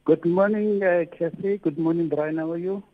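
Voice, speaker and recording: South African man on a tinny phone line. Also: a little high. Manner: hesitant, halting questions. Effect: heard over a phone line. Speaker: radio caller.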